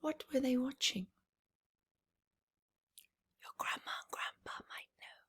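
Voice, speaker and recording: Reading aloud to little kids, this woman has a high, slightly rough voice and throws in chatty asides as she performs the picture book expressively. Her pacing is deliberate, with pauses, and she frequently drops to an almost-whisper.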